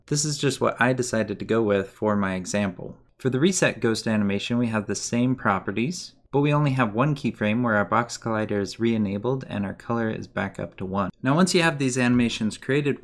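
A man giving a methodical step-by-step game development tutorial as a voice-over. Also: medium pitch. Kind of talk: screen-recorded coding tutorial.

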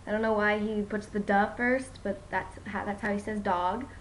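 A woman's voice: medium pitch, steady tone, moderate pace, slight background noise. A young mother giving a casual home video update about her toddler, chatty and rambling with many ums, tired after a poor night's sleep. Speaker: young mom vlogger.

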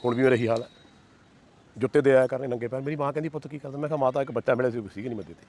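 A man's voice: mid-range voice, racing, darkish tone. A middle-aged man giving an emotional personal testimony to an interviewer, fervent and devotional, piling up repeated phrases. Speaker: interview guest.

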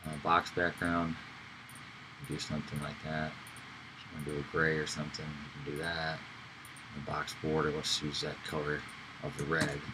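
A man giving a casual screen-recorded software tutorial, talking loosely with fillers and self-corrections. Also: a bass voice, background noise. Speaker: instructor.

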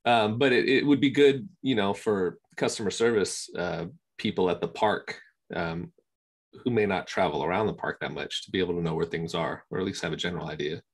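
Deep-voiced man on a video call. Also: fairly quick, husky. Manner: relaxed, rambling, many ums and you knows. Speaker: interview guest, scanning service provider. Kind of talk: casual conversation.

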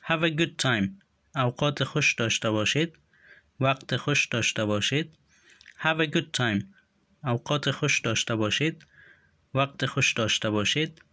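A man teaching English phrases one by one, saying each slowly and clearly and then translating it more quickly. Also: medium pitch, pushed and bright, no room sound. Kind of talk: slow phrase-by-phrase language lesson.

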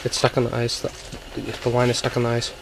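A man's voice: medium pitch, completely flat delivery, fast talker, noisy background. A young man hosting a casual fishing vlog, upbeat and coaching his cousin with short repeated cheers, recorded on an action camera inside a small ice shelter. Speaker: outdoors channel host.

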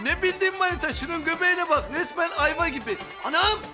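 A man's voice: extremely high pitch, fast talker, over music. An actor playing a cheeky man who ogles and teases his wife in sitcom banter. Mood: teasing. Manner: teasing, gawking banter. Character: cheeky middle-aged man, girl-watching and teasing. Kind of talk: sitcom comedy acting.

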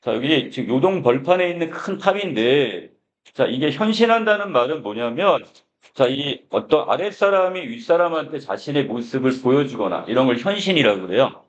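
A man's voice: mid-range voice, big pitch swings, moderate pace. A man teaching a literature class, explaining a classic prose text line by line and starting most phrases with a filler "so". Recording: dull lo-fi lecture recording.

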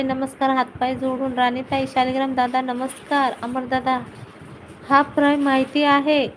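A woman's voice: sits high, a little hiss or hum, rough recording. A woman hosting a casual live stream, greeting viewers by name and teasing them playfully.

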